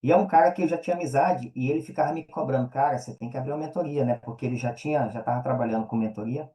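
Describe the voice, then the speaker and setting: Rapid-fire and dark in tone, a mid-range male voice with a Brazilian Portuguese accent answers an interviewer casually. As the guest, he describes himself as an affiliate marketer and mentor. He talks in slang and often tacks on check-in tags.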